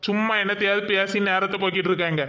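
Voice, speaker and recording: Bright-voiced man with Tirunelveli accent. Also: sits high, fairly even intonation. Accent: Tirunelveli Tamil. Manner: brisk, mocking village banter. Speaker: comedy skit actor. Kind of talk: comedy skit acting.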